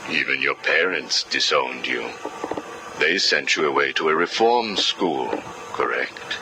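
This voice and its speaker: An actor playing a calm, coolly menacing prison psychiatrist, heard as a video game interview tape recording. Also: male voice, a bass voice, measured pace, full character voice. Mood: cold. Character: cold, probing male prison psychiatrist. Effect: played from a hissy interview tape recording.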